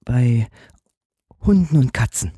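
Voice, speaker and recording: Meek fairy-tale girl, gentle and shy, put on by a male reader. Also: medium pitch, animated, slow, husky, dry recording, exaggerated voice. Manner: gentle, timid. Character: meek kind young girl, servant-bound stepdaughter.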